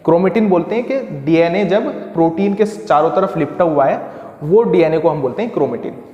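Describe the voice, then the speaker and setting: A man's voice: on the high side, brisk, muffled recording. A male tutor explaining a lesson step by step, asking himself questions and repeating key terms. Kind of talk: classroom lesson explaining diagrams. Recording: echoey room with long reverb.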